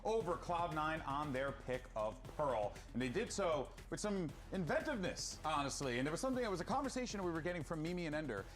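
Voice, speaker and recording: A man hosting an esports analysis desk, talking briskly and animatedly, building his points in lists. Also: on the high side, sing-song.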